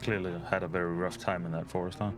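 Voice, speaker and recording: A man's voice: sits low, level tone, quick pace. A man giving casual, dry, rambling commentary while playing through a video game. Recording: game music behind.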